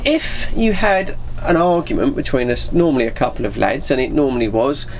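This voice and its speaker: A middle-aged vlogger with an English accent speaks briskly and expressively in a medium-pitched voice, with a little hiss or hum audible. He rambles informally through a personal anecdote, using lots of British slang and acting out bits of conversation.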